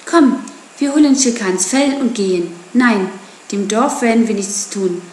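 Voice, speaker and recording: A woman's voice: mid-range voice, a little slow, echoey room, slight background noise, close to an everyday voice. A woman voicing a defiant wild boy raised by wolves, scornful and taunting. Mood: resolute.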